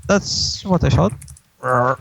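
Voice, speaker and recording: A man voicing a defiant little filly girl in a squeaky falsetto, in an amateur comic read-through. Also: lively intonation, extremely slow, creaky, heavily acted. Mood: sassy.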